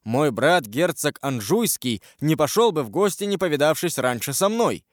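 A man's voice: a little high, moderate pace, no echo, clean studio sound, natural voice. A man playing a mocking young king. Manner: teasing, imperious, lively.

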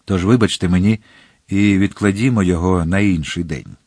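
A man's voice: low-pitched, moderate pace, a little mellow, husky, no echo, studio quality. A man voicing a young hot-headed guardsman in an audiobook, speaking urgently and emphatically. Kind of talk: audiobook character reading.

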